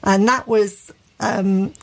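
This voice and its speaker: A woman's voice: medium pitch, steady tone, takes it slowly, creaky. A middle-aged woman from England with a Derbyshire accent, co-hosting a radio gardening show in chatty, enthusiastic casual talk full of fillers and restarts. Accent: English, Derbyshire.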